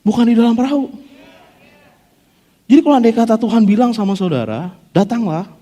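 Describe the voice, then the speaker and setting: Here the same pastor sounds very high-pitched and brisk. He is animated and jokey, acting out quotes through a casual sermon while the church hall adds a long reverb.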